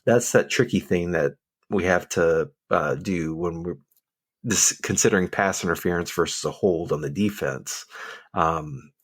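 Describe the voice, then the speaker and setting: A man's voice: low-pitched, a little slow, slightly rough, no room sound. A man co-hosting a podcast, explaining officiating rules in a casual, methodical way with frequent fillers. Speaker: podcast co-host, football official.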